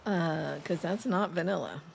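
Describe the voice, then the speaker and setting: A woman streams a game, chatting casually with an East Coast accent, laughing, rambling, and reading out chat messages. She speaks at a measured pace in a voice on the low side with vocal fry, and there's slight background noise.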